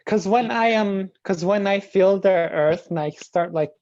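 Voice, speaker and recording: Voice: medium pitch, measured pace, darkish tone, muffled recording. A student speaking casually in conversation with a teacher. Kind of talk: casual chat.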